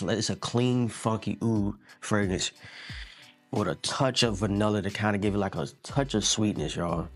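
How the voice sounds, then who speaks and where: In a lowish voice, a man reviews a fragrance casually and with laid-back slang, often repeating himself and calling the listener "man."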